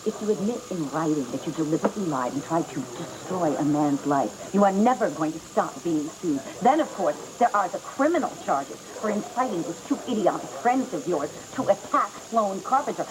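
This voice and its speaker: A woman's voice: lowish voice, lively intonation, fairly quick, hardly any pauses, background noise, natural voice. Woman playing an icy scheming soap villainess. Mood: menacing. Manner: icy, condescending, threatening. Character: cold scheming manipulative woman, menacing and commanding. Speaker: scheming woman using a false name. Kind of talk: 1980s soap opera acting. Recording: TV soap audio with loud music.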